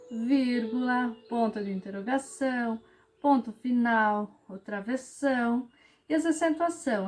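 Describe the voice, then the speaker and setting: A special education teacher, a woman with a voice that sits high, explains a lesson to children patiently and clearly. She acts out example sentences with lively intonation.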